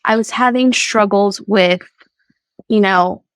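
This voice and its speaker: A woman guest on a podcast, telling her personal faith story in a halting, earnest way with many fillers and restarts. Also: mid-range voice, smooth, dry recording, poor audio.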